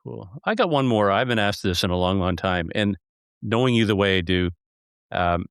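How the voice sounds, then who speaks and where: Low-voiced man, playful interviewer. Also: expressive, moderate pace, fairly bright tone, clean tone, no room sound, clean studio sound. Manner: playful, joking storyteller. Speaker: podcast host, interviewer. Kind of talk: conversational interview.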